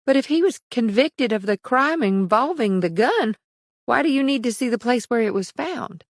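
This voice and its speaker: Pushed up into a very high register, a man's voice with lively intonation plays a weary, wry young mother of around thirty. She talks in a dry, frazzled way, quick to chatter, and there's no room sound.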